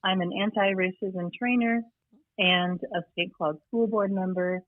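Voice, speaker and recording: A woman's voice: mid-range voice, fairly even intonation, measured pace. A woman's recorded answering machine greeting, friendly and scripted, heard over a phone line. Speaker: voicemail greeting. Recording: tinny phone line on speaker.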